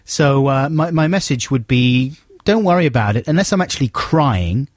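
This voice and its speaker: A man's voice: medium pitch, lively intonation, moderate pace, no room sound. A man co-hosting a radio show, rambling and self-mocking in casual chat. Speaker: radio co-host. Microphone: studio mic. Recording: dry studio sound.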